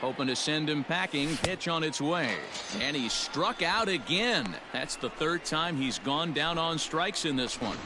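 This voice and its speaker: A man playing a baseball play-by-play broadcaster, calling each pitch and the count in game commentary. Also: lively intonation, measured pace, hardly any pauses. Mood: announcing. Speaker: play-by-play announcer. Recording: clear background noise of ballpark ambience.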